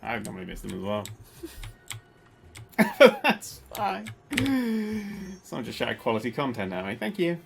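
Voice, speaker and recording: A man's voice: mid-range voice, big pitch swings, unhurried, vocal fry, pauses often, fairly bright tone. A man hosting a casual gaming livestream, joking, swearing and trying out silly accents. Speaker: streamer and host.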